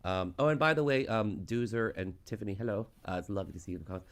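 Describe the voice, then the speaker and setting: A man's voice: lowish voice, rapid-fire. A man co-hosting a podcast, talking in a casual, conversational style. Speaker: podcast co-host. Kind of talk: casual chat.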